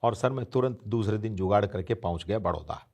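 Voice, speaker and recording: A man's voice: fairly low pitch, brisk, creaky, darkish tone. A man in his fifties, an interview guest, telling an anecdote and acting out the voices of the people he quotes. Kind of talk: storytelling anecdote.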